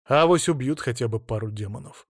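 A man's voice: medium pitch, no echo. Man reading a fantasy audiobook, dry sound. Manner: brisk, vivid first-person storytelling. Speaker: narrator.

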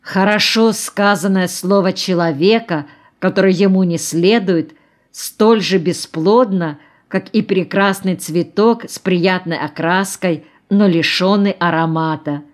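A woman's voice: fairly low pitch, a little slow, natural voice. A woman reading a preachy melancholy male geologist. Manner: sententious, preachy. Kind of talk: audiobook dialogue reading.

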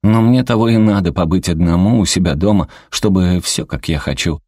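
A man voicing a weary, fond grandmother in a storybook reading, with a dry, wry manner and his own deep, husky voice. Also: a little fast, dark tone, dry recording. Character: weary kind grandmother in her fifties.

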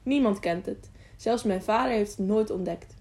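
A woman's voice: medium pitch, moderate pace, lightly acted. A woman voicing an eager, curious young mountain boy who asks question after question in a storybook reading. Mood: chatty. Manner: lively, eager, sometimes whispering excitedly.

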